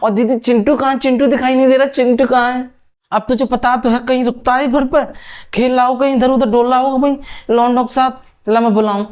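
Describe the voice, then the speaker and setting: A man voicing a sharp-tongued middle-aged mother who grumbles and shouts for her son. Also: very high-pitched, flat delivery, fairly quick, smooth, voice pushed up. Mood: calling out.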